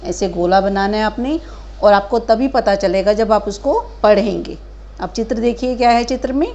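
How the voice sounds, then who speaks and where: A woman teaching a kindergarten Hindi lesson, stretching out each word slowly and asking gentle questions of young children. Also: mid-range voice, lo-fi sound. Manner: slow drawn-out syllables modelling words for children; patient questioning, addresses children as beta.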